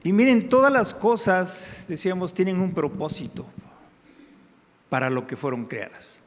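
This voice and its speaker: A man preaches a sermon at an unhurried pace, drawing out his prayer phrases before pressing his teaching points with emphasis. His voice sits a little high for a man. The sound rings with the long reverb of a church hall. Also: sing-song. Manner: slow, prayerful, drawn-out phrases.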